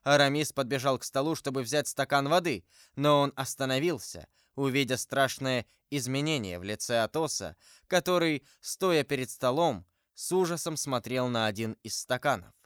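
A man narrating an audiobook with a measured, dramatic delivery. His voice is smooth and resonant, and the recording is dry and close with no room sound. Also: medium pitch, fairly bright tone, dry recording.

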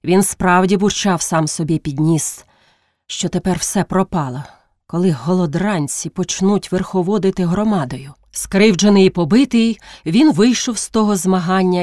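A woman's voice: lowish voice, no echo, studio quality. A woman narrating classic prose as an audiobook, telling it expressively. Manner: expressive storytelling.

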